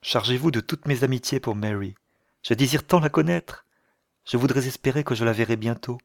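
A man reading the part of an earnest young woman who speaks gently and pleads for peace. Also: medium pitch, brisk, dry recording, clean studio sound, natural voice. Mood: pleading.

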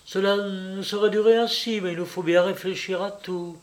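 A man reading an audiobook, voicing a passionate, nervous young woman who switches between hushed urgent whispers and bright raised chatter. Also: sits high, steady tone, normal speed, voice pushed up, natural voice.

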